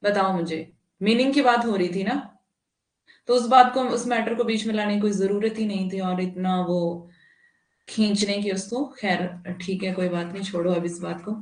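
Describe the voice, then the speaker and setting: A woman teaches a live online class, indignant and emphatic, with frequent tag questions. Her voice sits at a middle pitch. It comes over a laptop or phone mic in a roomy, echoey space. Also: steady tone, a little slow, a little mellow. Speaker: online Hindi exam teacher.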